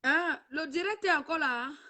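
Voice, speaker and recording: A livestream host addresses her camera with a high, sharp-toned voice at a moderate pace. She preaches emotionally and repetitively, with frequent cries of "ma fille", and her own camera serves as the microphone.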